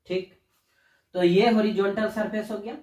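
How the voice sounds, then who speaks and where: Male teacher, higher voice, talks to students as kids, recorded off-mic in an echoey room. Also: steady tone, normal speed, a little mellow, far from the mic. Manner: addresses students as "बच्चा", asks and answers own questions. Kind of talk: classroom lesson.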